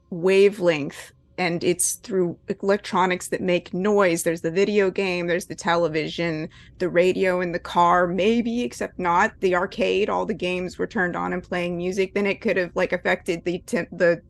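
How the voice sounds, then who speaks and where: A woman plays a tabletop role-playing game. She has a medium-pitched, creaky voice and talks casually, working through theories and questions out loud. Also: dry recording. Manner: analytical, questioning.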